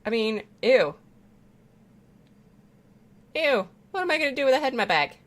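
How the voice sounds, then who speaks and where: A woman's voice: high-pitched, big pitch swings, moderate pace. A woman streamer chatting casually while playing a game, rambling, swearing freely and laughing often. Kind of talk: casual chat while gaming.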